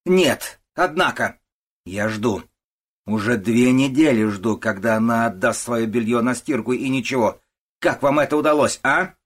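A man's voice: medium pitch, a little fast, voice pushed up, lightly acted. A man doing a furious old working-class mother. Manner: shouting, scolding, contemptuous. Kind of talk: audiobook character voice.

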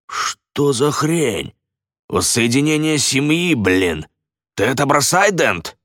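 A man voicing a brash, rude landlord on crutches who yells and pleads in a shrill voice. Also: big pitch swings, slow pace, dry recording, studio quality. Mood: shrill, panicky.

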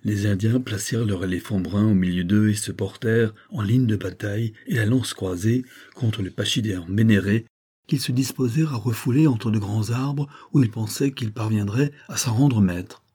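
Male audiobook narrator, dark voice, husky, lowish pitch, measured dramatic reading. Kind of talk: scripted narration of an adventure novel.

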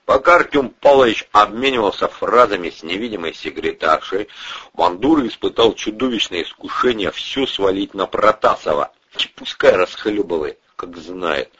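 Husky, bright-voiced male audiobook narrator. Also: on the low side, lively intonation, normal speed, lo-fi sound. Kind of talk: scripted narration.

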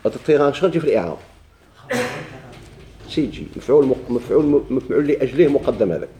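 A man's voice: mid-range voice, expressive, quick pace, dark tone, slight background noise. A man with a Moroccan Arabic accent teaching a grammar lesson, asking his class questions and answering them himself while he repeats the key points.

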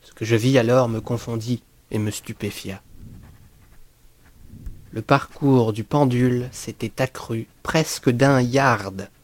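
This is a first-person horror story voiced by a man narrating an audiobook. He reads at medium pitch in an expressive, literary manner that stays measured and deliberate.

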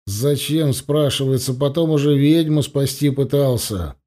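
A man reading an audiobook, voicing a calm, dry-witted male necromancer with a measured, sardonic manner. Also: mid-range voice, close to an everyday voice.

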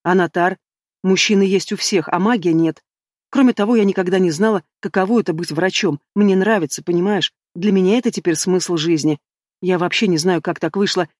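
A man's voice: sits high, brisk, no echo, clean studio sound, close to an everyday voice. A man reading an audiobook voicing a distraught young woman mage in tears, speaking emotionally. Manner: emotional, pleading.

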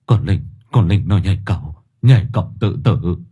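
A man's voice: low-pitched, lively intonation, moderate pace, dark tone, breathy edge, exaggerated voice. A man voicing an anxious elderly village father, stammering and agitated. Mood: alarmed.

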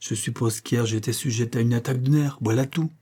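A man's voice: mid-range voice, steady tone, fairly quick, mellow, slightly rough, lightly acted. A man reading aloud, voicing a proud troubled young wife who answers her husband tersely and coldly. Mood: guarded, cold. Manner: terse, guarded replies.

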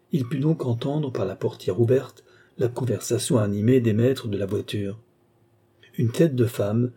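Man, audiobook narrator, steady reading, very dark mellow voice, husky. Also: mid-range voice. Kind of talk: scripted narration of a classic novel.

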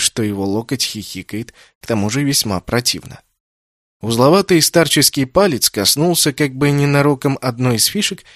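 This is scripted narration of a fantasy audiobook, read by a man with a medium-pitched voice in a measured, even storytelling style. The studio recording is clean with no echo.

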